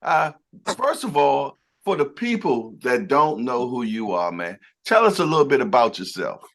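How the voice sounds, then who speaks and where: A man hosts a boxing show, interviewing a guest over a video call. He is upbeat and quick with short affirmations, and his pitch swings widely between high and low. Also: very animated, fairly bright tone. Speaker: boxing channel host.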